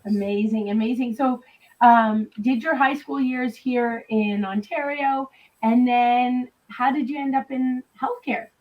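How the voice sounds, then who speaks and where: A woman's voice: a little high, steady tone, a little slow, dull audio. A woman running a clinic, enthusiastically interviewing a new team member. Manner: upbeat, enthusiastic. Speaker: clinic director interviewing staff.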